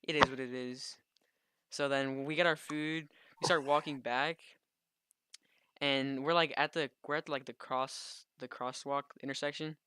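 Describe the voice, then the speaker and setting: A man's voice: medium pitch, fairly even intonation, a little slow, bright, forceful tone, a little hiss or hum. A young American man talking like a frat bro, chatting and telling stories casually on a podcast. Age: young adult. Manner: frat-bro slangy talk, bro and yeah. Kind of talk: casual podcast chat and storytelling.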